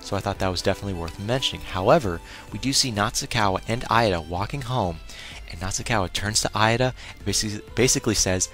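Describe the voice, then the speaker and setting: Male anime reviewer with a slightly low voice for a casual recap, exclaims his opinions. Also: fast, fairly bright tone, soft background music.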